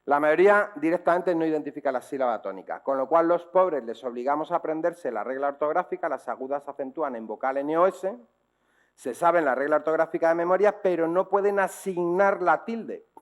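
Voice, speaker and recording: A man's voice: fairly high pitch, a little fast. A man with a Spanish accent from Spain giving a public talk to teachers and parents, explaining in a didactic way and often checking in with rhetorical questions. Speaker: speaker on dyslexia.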